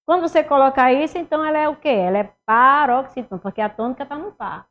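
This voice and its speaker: A woman leads a grammar lesson. Her voice sits a little high, and she keeps asking questions and then answering them herself. Her loudness rises and drops from one phrase to the next as she works through the answers. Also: quick pace, muffled recording. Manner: lively, rhetorical questions, swings loud and soft. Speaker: Portuguese teacher. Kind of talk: exam review lesson.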